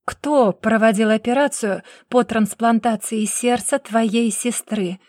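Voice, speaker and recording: A woman voicing a stern male investigator who speaks in clipped, measured phrases. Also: on the high side, a little mellow, no room sound, studio quality. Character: stern growling male investigator, cold and logical.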